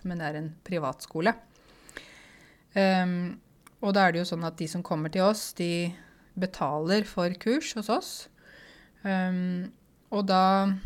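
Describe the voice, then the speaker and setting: A woman with a somewhat low voice talks casually to her viewers about running a language school. She explains patiently, pausing often with fillers as she searches for words. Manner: hesitant, many fillers, explanatory. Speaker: online language school owner. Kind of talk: casual monologue answering viewer questions.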